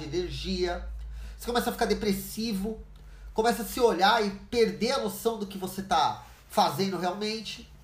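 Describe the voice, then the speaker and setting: A Brazilian woman speaks earnestly in a podcast monologue, her pitch rising and falling with lively movement. She often slips into quick acted-out exchanges between people. The sound carries a noticeable echo of the room around her. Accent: Brazilian Portuguese. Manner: earnest, acts out dialogue in quick changing voices. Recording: echoey room.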